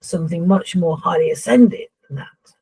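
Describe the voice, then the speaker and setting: A woman speaking as a seance medium in trance, voicing a solemn, instructive spirit guide who addresses humans, with a husky voice. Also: fairly low pitch, moderate pace, warm tone.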